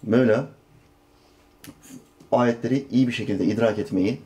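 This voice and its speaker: A male religious teacher explains scripture in an earnest lesson. He uses a warm, mellow mid-range voice and often rises into emphatic rhetorical questions. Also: medium pitch, unhurried. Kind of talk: Quran commentary lesson.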